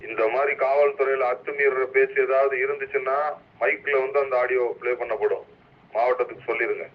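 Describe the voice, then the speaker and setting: A man's voice: mid-range voice, little pitch movement, a little fast, noisy background. Man, senior police officer, police radio, stern, scolding, muffled sound. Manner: stern, scolding, giving orders.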